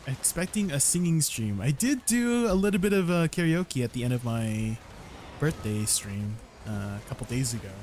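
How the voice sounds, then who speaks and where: A young male livestreamer talks through a voice changer that drops his pitch into a deep, artificial register. He chats casually with his viewers. His anecdotes meander, with restarts and asides, and the delivery stays at an ordinary middle pitch. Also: animated, moderate pace, a little mellow, slight background noise. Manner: rambling, meandering storytelling. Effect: deep pitch-shifting voice changer.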